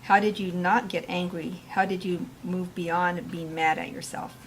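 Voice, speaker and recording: Soft-spoken lady reading questions at a church meeting, kinda low voice, faint hiss. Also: fairly even intonation, measured pace, low-quality recording. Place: meeting room.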